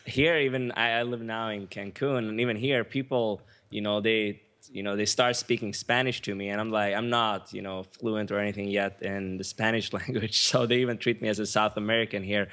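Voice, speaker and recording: A man from Sweden, a guest on a podcast, talking quickly and filling his speech with "you know". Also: fairly low pitch, fairly even intonation, fairly bright tone. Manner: fast, leans on "you know" constantly. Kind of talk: podcast interview.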